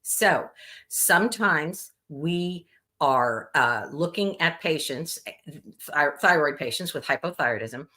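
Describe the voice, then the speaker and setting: A woman's voice: low voice, lively intonation, slow pace, pushed and bright. A middle-aged woman answering viewer questions in a live Q&A, explaining things step by step with frequent ums and uhs.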